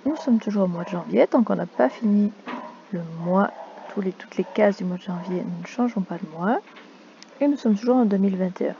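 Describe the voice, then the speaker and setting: A woman leads a lesson for small children, stretching each word out slowly and with care. Her voice is warm and dark with a gravelly grain. The recording is dull and lo-fi, with faint noise behind her. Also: mid-range voice. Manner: slow and deliberate, stretching key words, spelling out syllables. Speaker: teacher. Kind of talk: slow classroom instruction for young children.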